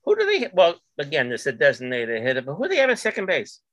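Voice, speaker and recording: A man's voice: on the high side, fast, no room sound, muffled recording. A man hosting a casual sports talk show, leading the chat with questions. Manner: lively, leads the talk with questions. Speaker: host.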